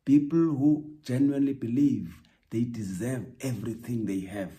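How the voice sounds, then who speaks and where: A man hosting a podcast, delivering a reflective spoken essay in a measured, emphatic way with repeated rhetorical lines. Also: mid-range voice, mellow. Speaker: podcast host.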